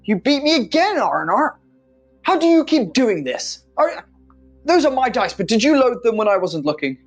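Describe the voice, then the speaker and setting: This is a high, yelping companion in a tabletop game, easily frustrated and loud. A man puts him on, jumping well above his own pitch, with music faint behind. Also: big pitch swings, moderate pace, exaggerated voice. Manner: shrill, exclamatory outbursts.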